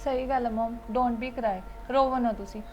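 A woman plays an affectionate young Punjabi daughter-in-law with a high, soft voice. The sound is dull and slightly muffled. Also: steady tone, moderate pace, a little hiss or hum, close to an everyday voice.

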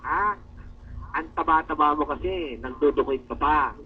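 A man's voice: on the high side, normal speed, slight background noise. A man from the Philippines teasing coworkers in mocking banter, growling "arr" and laughing often. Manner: taunting, repeatedly growls "arr" in mockery. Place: indoor room. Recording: distant, dull lo-fi recording.

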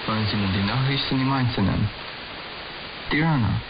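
A man's voice: mid-range voice, normal speed. Man reading news over hissy AM radio. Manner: steady, formal reading. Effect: heard over shortwave AM radio. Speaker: newsreader. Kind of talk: read radio news bulletin. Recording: hissy, muffled shortwave radio reception.

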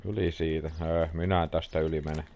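A Finnish man streams a game with casual live commentary. His voice is low-pitched, and faint noise from the game sits behind it. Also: little pitch movement, quick pace, mellow.

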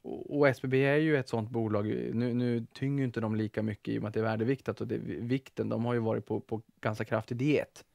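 A man's voice: mid-range voice, steady tone, gravelly, a little mellow, no room sound. A Swedish man co-hosting a stock market show in casual studio chat, joking and often repeating words as he starts a sentence. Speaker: co-host of an investing show.

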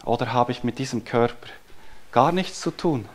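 A man's voice: mid-range voice, normal speed. A man from Switzerland, giving a live spiritual talk on healing to an audience in a room. He speaks reflectively and asks many rhetorical questions. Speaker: spiritual healer giving a lecture.

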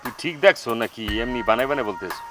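A man's voice: medium pitch, animated, rapid-fire, music in the background, close to an everyday voice. An actor playing a quarrelsome, taunting village young man in a comedy TV drama.

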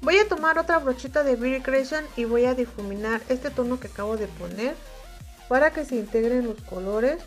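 A woman with a Mexican Spanish accent giving a calm, step-by-step makeup tutorial as she reviews an eyeshadow palette. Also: high-pitched, normal speed, faint music behind.

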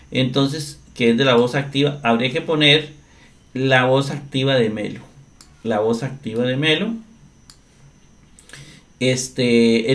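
Male teacher, unhurried screen-share explainer, middle pitch, keeps checking in with the class. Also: gravelly, fairly bright tone. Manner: slow, deliberate, often asks "¿verdad?". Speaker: Greek grammar teacher. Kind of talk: screen-share grammar lesson.

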